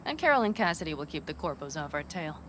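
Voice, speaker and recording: Game role: tough, loyal nomad woman, lowish voice, matter-of-fact, faint engine ambience. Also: very animated, fast talker, fairly bright tone, slight background noise. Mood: assured. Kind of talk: video game dialogue.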